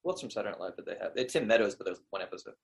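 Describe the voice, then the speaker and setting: A man's voice: lowish voice, expressive, rapid-fire, creaky. A man co-hosting a casual podcast about a cartoon, talking eagerly and often stammering as he restarts a sentence. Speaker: podcast co-host.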